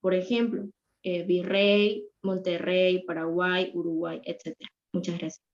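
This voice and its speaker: A woman's voice: on the low side, level tone, unhurried. A woman student giving a class presentation, reading from slides with fillers and restarts. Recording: muffled lo-fi audio.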